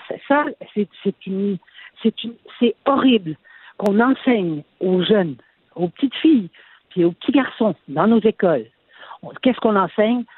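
An older woman calls in to a radio show, speaking earnestly and starting her sentences over and over. Her voice sounds husky and comes through a tinny phone line, dry and close. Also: medium pitch, no room sound. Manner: halting, many restarts, earnest. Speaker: caller. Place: on a phone call from abroad.

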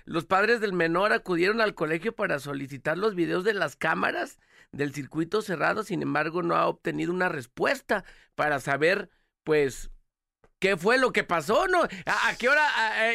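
A man's voice: high voice, expressive, normal speed, creaky, bright, forceful tone, no echo, studio quality. A man with a Mexican accent co-hosting radio from a booth, reading news and adding chatty asides. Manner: chatty, comments on stories with asides. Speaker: radio co-host.

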